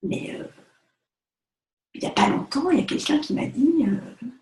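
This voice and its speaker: A woman chats straight to the camera in a lively, animated way, her pitch leaping around as she talks. Her voice sits a little high, and it rings in an echoey room. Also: normal speed. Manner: chatty, animated, direct address with many fillers. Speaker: vlogger, photographer. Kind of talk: casual chat to camera.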